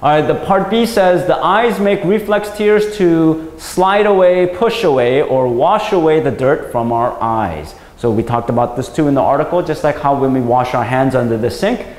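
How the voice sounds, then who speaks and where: Heard in a roomy space with long reverb, a man with a darkish, medium-pitched voice works as an English teacher. He explains science to children patiently, often pausing to ask "right?"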